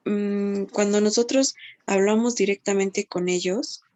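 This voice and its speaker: A woman student asking a hesitant, halting question in an online class. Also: medium pitch, steady tone, darkish tone. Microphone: video call.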